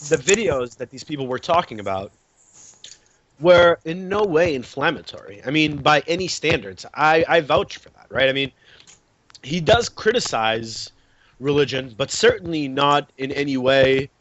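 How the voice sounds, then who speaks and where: A man speaking as a panelist in an unscripted discussion, emphatic but halting, often repeating his words. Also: fairly high pitch, lively intonation, a bit bright. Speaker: panelist and translator. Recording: muffled online call audio.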